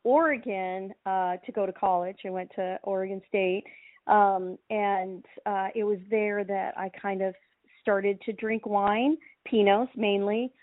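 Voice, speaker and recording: A woman's voice: medium pitch, unhurried, no echo. A middle-aged woman from Hawaii talks casually as a winemaker guest, loose and full of ums and restarts. Her voice comes through a thin, phone-like line that sounds dry and close, with no room around it. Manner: relaxed, many ums and restarts. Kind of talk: casual interview chat.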